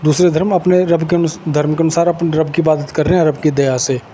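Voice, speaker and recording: A man preaches with insistence, building his points through repeated, chanted lists. His voice sits a little high but sounds dark and mellow. Faint noise runs behind him. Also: fairly even intonation, a little fast. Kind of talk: sermon.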